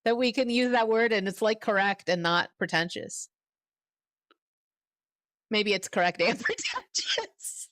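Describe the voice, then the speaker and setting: A woman's voice: mid-range voice, expressive, a little slow, long pauses, fairly bright tone, dry recording. A woman hosting a livestream in a chatty way, laughing often, heard through a headset mic. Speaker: livestream host. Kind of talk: casual livestream chat.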